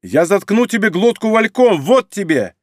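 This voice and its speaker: A man's voice: sits high, big pitch swings, measured pace, no echo, clean studio sound. A man voicing a furious, fierce farm wife. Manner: shouting, threatening.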